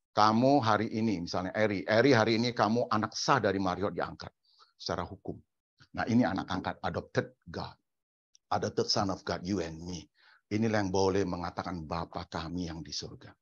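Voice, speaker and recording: Male pastor, mid-pitched voice, lively preaching, acts out quotes, lo-fi sound. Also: breathy edge. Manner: animated, mixing in English phrases, acting out quoted voices. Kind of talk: sermon.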